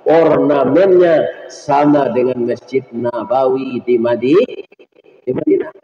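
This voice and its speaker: A man from West Sumatra with a Minangkabau accent gives a humorous sermon as a preacher. He tells the story lively, jokes, and talks straight to the congregation at a mosque gathering. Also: mid-range voice, slow. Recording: dull lo-fi sound, echoey hall.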